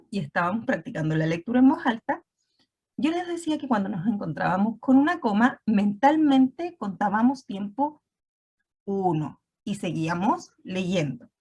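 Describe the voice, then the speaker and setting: A woman's voice: on the high side, darkish tone, husky. A woman teacher giving an online class, explaining step by step and often checking in with her students.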